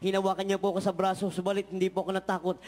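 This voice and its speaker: In a large church hall, a man delivers a fervent testimony, repeating "mga mahal" and "hallelujah" again and again. His voice sits high and darkish, with little pitch movement and a rapid-fire delivery. Reverb from the church sound system fills the recording.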